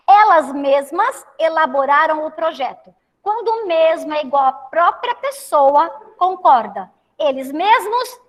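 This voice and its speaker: Very high-voiced Brazilian woman teaching. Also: dull audio. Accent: Brazilian Portuguese. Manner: affectionate, keeps checking in with students. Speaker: Portuguese teacher. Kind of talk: online class lesson. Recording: long reverb.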